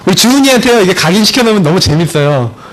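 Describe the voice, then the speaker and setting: A male pastor preaching a sermon, telling a family story, swinging from emphatic high points to low, quiet storytelling. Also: very animated, rapid-fire, rough recording. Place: church sanctuary.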